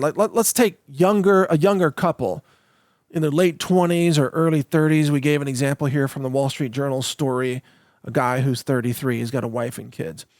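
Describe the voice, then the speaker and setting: A man delivering a solo commentary monologue in a fairly high voice, the sound dry and close with no room around it. He rambles and restarts, punching points with mocking emphasis. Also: no echo. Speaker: show host.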